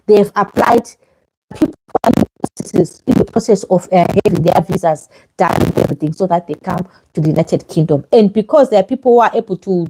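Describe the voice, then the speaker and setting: A woman's voice: mid-range voice, mellow. A woman live streaming visa advice; her microphone sound is fuzzy and distorted, and she speaks in a direct, emphatic way that repeats itself. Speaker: vlogger giving visa advice. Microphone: clip-on microphone, later removed.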